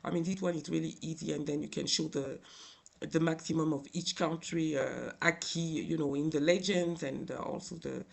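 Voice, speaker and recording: A man with a tearful, crying voice giving an informal software tutorial in a halting, hesitant way with many filled pauses. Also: on the high side, steady tone, gravelly. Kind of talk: informal screen tutorial narration.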